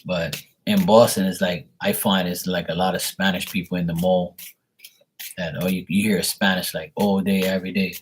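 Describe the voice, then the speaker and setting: A man's voice: deep voice, little pitch movement, normal speed, a little hiss or hum. A man from Bermuda, a tarot reader telling a rambling story on a live stream, blunt and swearing casually.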